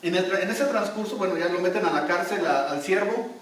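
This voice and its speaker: A man's voice: high-pitched, brisk, fairly bright tone, a little hiss or hum. A man preaching a sermon, emphatic, repeating his phrases as he tells an anecdote. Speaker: pastor. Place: church hall. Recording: very echoey hall, mic far off.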